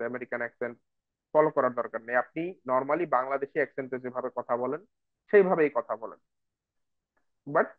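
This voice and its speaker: A man's voice: medium pitch, dry recording. Man tutoring over tinny audio. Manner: explanatory, addresses viewers as brother and sister, switches into English phrases. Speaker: IELTS speaking tutor. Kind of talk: online lesson mixing Bengali and English.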